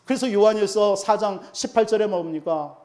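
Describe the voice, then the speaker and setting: High-voiced pastor preaching emphatically. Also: male voice, normal speed, darkish tone. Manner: emphatic, asks the congregation rhetorical questions. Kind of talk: sermon.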